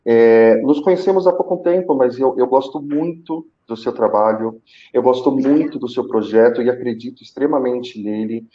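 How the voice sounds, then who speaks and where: A Brazilian man, a senior call center manager, tells his own story in Portuguese as a guest in a live interview. He speaks conversationally but haltingly, with repeated words and pauses. His voice is mid-range, and the audio sounds dull.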